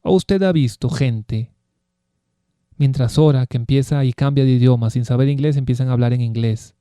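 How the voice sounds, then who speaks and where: A man's voice: mid-range voice, normal speed, dark tone, clear, resonant tone, no room sound, clean studio sound. A man giving a Bible teaching sermon, emphatic and full of rhetorical questions. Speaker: preacher.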